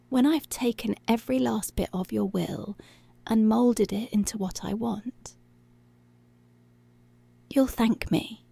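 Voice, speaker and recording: With a warm, medium-pitched voice, a woman heavily acts a dominant policewoman in an intimate ASMR roleplay. Her commands are slow, breathy and deliberate, often sinking to a whisper, carrying a possessive, seductive air in a dry recording.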